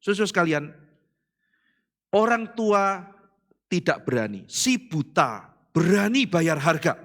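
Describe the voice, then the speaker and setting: A male pastor with an Indonesian accent preaching a sermon in a church, telling stories with acted dialogue and swinging between loud bursts and hushed asides. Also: high-pitched. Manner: addresses congregation as "saudara".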